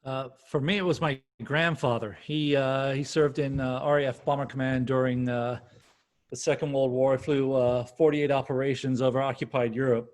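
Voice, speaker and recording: A man speaking as an author guest in a casual panel talk, measured and hesitant. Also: mid-range voice. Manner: measured and hesitant, many "uh" fillers.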